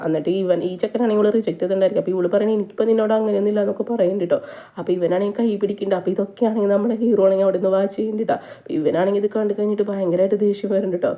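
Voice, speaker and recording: A woman, casually retelling a drama plot in rapid chatty storytelling. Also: mid-range voice, dark tone. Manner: rapid chatty retelling, frequent tag "ട്ടോ". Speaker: movie recap narrator.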